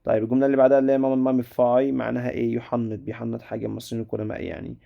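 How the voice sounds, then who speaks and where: A man with an Egyptian Arabic accent teaching an English vocabulary lesson, repeating each word slowly and answering his students' questions as if they had asked them. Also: medium pitch, little pitch movement, gravelly, lo-fi sound.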